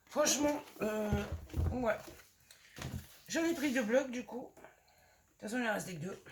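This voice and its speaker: A woman with a slightly hoarse voice, chatting casually and gushing as she shows off craft supplies in a haul video. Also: fairly high pitch, a little hiss or hum. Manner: chatty and gushing, lots of fillers. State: voice a bit hoarse. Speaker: scrapbooking vlogger.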